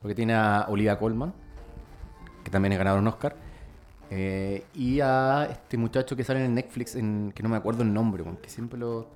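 A man's voice: on the low side, normal speed, darkish tone, soft background music. A man with a Chilean Spanish accent, a podcast co-host chatting casually and rambling through recommendations. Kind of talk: casual chat.

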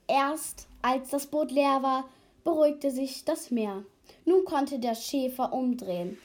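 A woman reading a fable aloud carefully, with small slips. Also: sits high. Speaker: reader.

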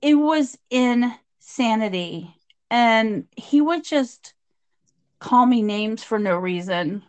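Animated woman, higher voice, storytelling. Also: takes it slowly, clear, resonant tone. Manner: animated storyteller, acts out quotes. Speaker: guest describing past abuse. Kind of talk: conversational interview.

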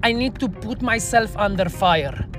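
Over music, a Romanian woman who trains bartenders speaks English as a podcast guest, at a measured pace in a mid-range voice. Her story is candid and self-reflective, told earnestly with non-native phrasing.

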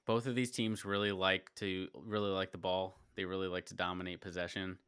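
A man with a lowish voice hosts a relaxed sports chat and runs through match picks with his co-hosts. He laughs easily. His voice is recorded close and dry, with no room sound. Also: brisk, clean tone, dry recording. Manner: laughs often, leads the picks. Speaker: podcast host.

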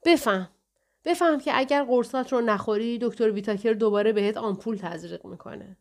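A stern caretaker woman who speaks in firm, scolding tones and keeps close control, read by a woman narrator. Her voice is fairly high, and she lectures with a clipped firmness in this audiobook scene. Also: a little mellow, lightly acted.

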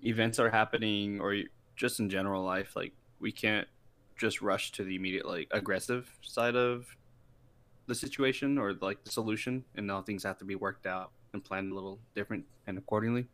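A young man co-hosting a podcast, talking in a relaxed, rambling way with plenty of fillers. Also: fairly low pitch, a little fast. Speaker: podcast co-host. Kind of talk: casual chat.

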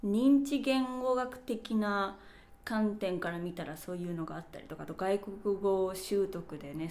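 With birds chirping behind her and a little background noise, a podcast host chats on her own in a relaxed, thoughtful way, going through examples one by one. Her voice is mid-range with a darkish tone.

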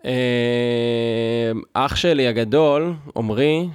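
A man's voice: mid-range voice, clean tone, no echo, studio quality. A man hosting a podcast, delivering a sarcastic, mock-outraged comedic rant in a loose, talky way with fillers and restarts. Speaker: podcast host.

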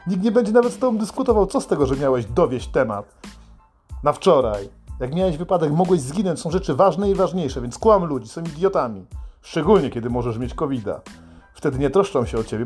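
A man's voice: on the high side, darkish tone. A man delivering a crude, sardonic comic monologue full of swearing. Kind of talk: profane satirical monologue.

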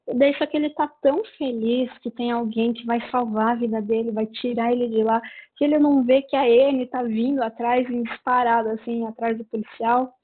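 Chatty Brazilian woman, tinny sound. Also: fairly high pitch. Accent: Brazilian Portuguese. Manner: rambling retelling with many fillers. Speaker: book reviewer. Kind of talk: casual book review chat.

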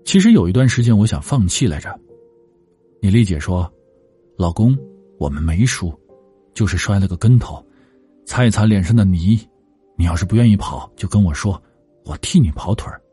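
A struggling restaurant-owner husband looks back on hard times, as a male narrator reads his part. The voice is low and breathy, with a lively, expressive rise and fall. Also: moderate pace, pauses often, faint music behind. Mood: reflective.

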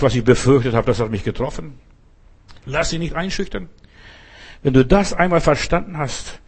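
A man's voice: mid-range voice, slightly rough. A man preaching a sermon, earnest and repetitive, speaking straight to his listeners and often asking if they understand.

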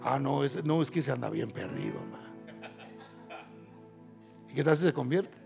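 A male pastor preaching a sermon, building to loud emphatic passages and reading scripture slowly and solemnly. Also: mid-range voice, lively intonation, gravelly, faint music behind.

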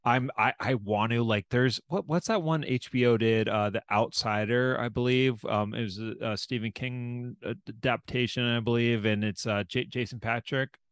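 A man's voice: mid-range voice, fairly even intonation, normal speed, hardly any pauses, smooth, dry recording, studio quality. A man hosting a podcast in casual chat, often restarting and repeating words, with loose swearing. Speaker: podcast host.

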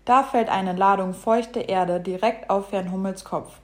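A woman reads a children's animal story aloud. Her narration is lively and expressive, at an even middle pitch. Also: unhurried.

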